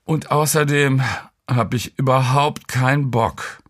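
A man voicing a hungover young man who talks quietly and mumbles, in an audiobook reading. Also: mid-range voice, steady tone, takes it slowly, pitched above the performer's own voice. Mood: groggy, lazy.

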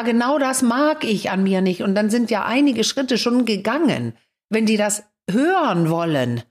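A woman co-hosting a casual talk, sharing her experience with clients and often agreeing along with her guest. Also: medium pitch. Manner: frequent back-channel agreement, halting restarts. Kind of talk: casual chat.

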